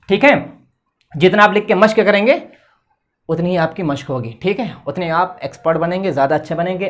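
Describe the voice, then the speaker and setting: Male English teacher, tinged delivery, patient board lesson, repeats his check-ins. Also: sits high. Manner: repeats "theek hai" often, explains patiently.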